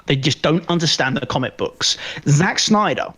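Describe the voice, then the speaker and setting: Pushed and bright, a fairly high male voice with lively intonation moves at a moderate pace. He's a podcast co-host in a relaxed film-review chat, voicing strong opinions and often repeating phrases.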